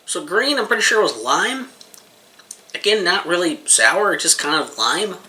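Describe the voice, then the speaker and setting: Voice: mid-range voice, sing-song, a little slow, sharp tone. A person giving a casual, rambling taste-test review, talking informally and swearing freely while eating.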